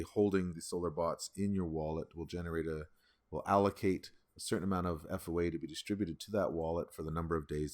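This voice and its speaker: A man with a notably low, deep voice walks through an explainer in a loose, unscripted way. He talks like he is thinking aloud, pausing on "uh" and restarting sentences as he goes. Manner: loose, rambling delivery with many fillers and restarts. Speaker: video host. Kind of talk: casual explainer walkthrough.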